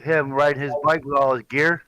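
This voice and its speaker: A man's voice: mid-range voice, flat delivery, brisk, sharp tone, clear, resonant tone, no room sound, rough recording. A man giving casual, conversational commentary on what he is watching.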